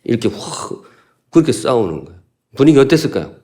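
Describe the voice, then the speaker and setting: Korean guy pastor from gyeongsan, preaching, jokey and chatty, pitch bouncing all over, mellow tone. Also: big pitch swings, moderate pace. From Gyeongsan, North Gyeongsang, South Korea. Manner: folksy, humorous, asks the congregation questions. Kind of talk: sermon.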